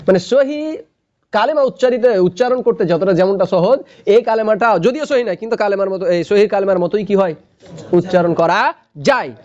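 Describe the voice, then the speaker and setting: A man with a high, slightly mellow voice gives a grammar lecture in class, repeatedly posing questions and answering them himself. The recording sounds muffled and lo-fi.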